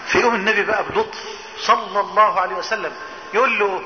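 A man with an Egyptian accent preaching a storytelling sermon, talking straight to his listener and bursting into loud lines. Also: high voice, fast, slight background noise. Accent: Egyptian Arabic. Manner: animated, addresses listener directly, bursts into loud quoted lines. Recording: muffled echoey hall.

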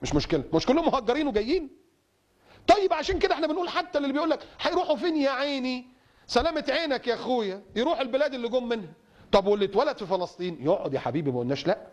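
A man's voice: extremely high pitch, big pitch swings, very fast. A man preaching an impassioned sermon in an Egyptian Arabic accent, emphatic and rhetorical, repeating phrases for stress.

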